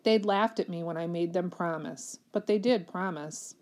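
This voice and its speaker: Reader: woman, lowish voice, steady read-aloud of a children's novel. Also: moderate pace, slight background noise.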